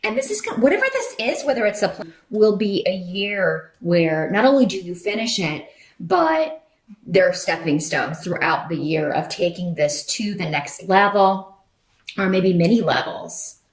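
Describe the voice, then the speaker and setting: With a roomy echo around her, a tarot reader and channel host does an unscripted reading for her viewers, chatting in a rambling, reassuring way. She speaks at a fairly low pitch, sing-song, at a measured pace.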